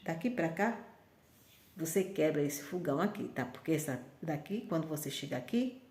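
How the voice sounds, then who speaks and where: Brief: a woman putting on a soft-spoken mysterious benefactor, low and hushed, room echo. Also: animated, moderate pace. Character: kind mysterious older man giving quiet instructions. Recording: roomy echo.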